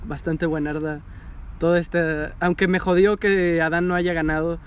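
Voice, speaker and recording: High-voiced, excitable man. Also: moderate pace, clean tone. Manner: animated, excitable, swearing freely. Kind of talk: casual chat recapping an anime.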